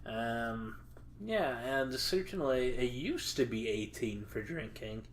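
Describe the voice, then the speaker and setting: Slow, halting man on a podcast. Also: medium pitch, lively intonation, slight background noise. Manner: halting, many filler pauses, dry crude jokes. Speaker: podcast co-host. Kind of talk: casual podcast chat.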